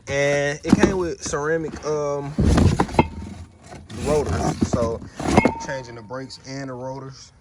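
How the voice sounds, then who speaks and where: A medium-pitched man talks slowly and casually as he works on a truck outdoors, pointing things out for his DIY car repair vlog. The recording is a noisy outdoor phone video.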